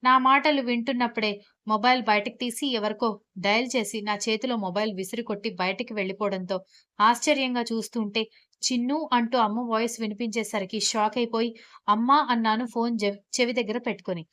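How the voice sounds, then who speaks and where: A woman narrates a first-person story in a steady, expressive reading voice. Her voice sits a little higher than most women's. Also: fast talker.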